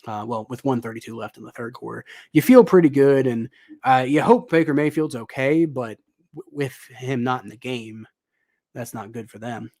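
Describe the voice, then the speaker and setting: Calling football casually on a livestream, a young man rambles and thinks out loud, filling gaps with ums and uhs. His medium-pitched voice is slightly raspy and a little mellow, and he talks at a normal speed.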